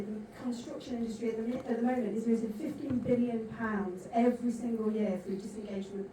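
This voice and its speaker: A woman moderating a conference panel, delivering her points in an emphatic, rhetorical way. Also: a little high. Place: large conference hall. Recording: echoey hall from far off, noisy.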